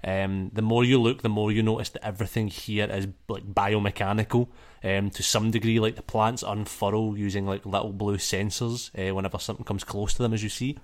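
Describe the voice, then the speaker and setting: A man's voice: on the low side, level tone, a little fast. Man, game master, rambling narration, lots of fillers. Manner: loose, rambling, full of fillers.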